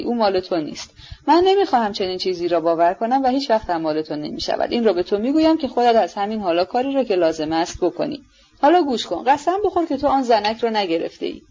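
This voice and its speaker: A woman reading an audiobook, voicing an imperious, sharp-tongued older noblewoman who scolds and demands answers. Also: mid-range voice, dull audio.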